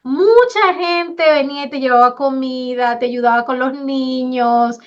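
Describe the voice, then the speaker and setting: A woman's voice: sits high, measured pace. A woman hosting a faith-based podcast interview, who affirms and encourages her guest and brings in scripture. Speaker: podcast host. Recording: slightly dull recording.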